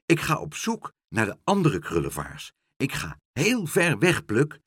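A restless, adventurous bird from a storybook, put on by a man, pitched well above his usual voice. Its calls are bold and loud, with a slightly husky edge. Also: wildly swooping pitch, unhurried, no room sound, clean studio sound, heavily acted.

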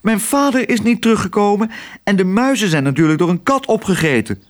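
A man's voice: high voice, lively intonation, a little fast, pitched above the performer's own voice. A man voicing a worried young girl in a children's audiobook. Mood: upset.

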